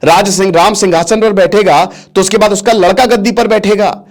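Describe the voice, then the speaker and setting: A man's voice: high voice, steady tone, brisk. A man voicing a scheming old female maidservant who scolds a queen in urgent, insistent words. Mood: scolding, urgent. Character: scheming old female maid stirring trouble.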